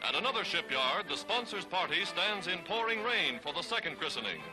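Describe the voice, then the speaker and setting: A rough 1940s newsreel recording, loud music underneath, carries an American man's scripted narration, delivered with emphatic, declamatory drama. His high voice swings widely in pitch at a fairly quick pace.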